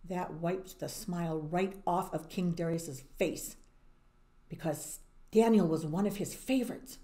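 A woman telling a Bible story to children, animated and sometimes dropping to a whisper for emphasis. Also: lowish voice, unhurried. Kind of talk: expressive storytelling.

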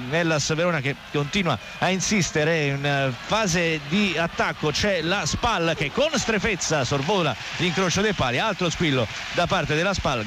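Casting: Italian man, high voice, urgent live football play-by-play, noisy outdoor ground. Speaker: radio football commentator. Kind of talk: live football radio commentary. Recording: noisy outdoor stadium radio broadcast. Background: loud stadium ambience.

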